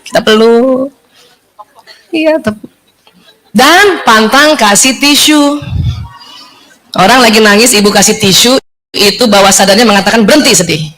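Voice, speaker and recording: A woman with an Indonesian accent giving a lively, laughing talk to a group of women, acting out little dialogues as she goes. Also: on the high side, a little slow, long pauses, low-quality recording. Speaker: speaker teaching a women's group. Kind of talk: casual talk on managing emotions.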